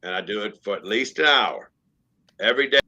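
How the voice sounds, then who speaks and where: A man's voice: fairly low pitch, lively intonation, fairly quick, bright, forceful tone, highs cut off. A man in his late fifties chatting frankly as a guest on a live stream, often restarting and repeating words. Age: 50s. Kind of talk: casual live-stream chat.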